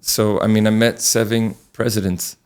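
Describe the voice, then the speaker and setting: A middle-aged man from Connecticut, a priest telling his life story in an earnest, relaxed way as an interview guest. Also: fairly low pitch, normal speed, clean tone. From Connecticut, USA.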